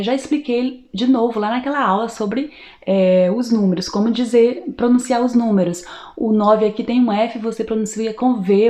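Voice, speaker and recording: A Brazilian woman teaching a language lesson with a patient, explanatory manner, slowing down to model each word. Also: a little high, mellow, echoey room. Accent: Brazilian Portuguese. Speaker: French teacher.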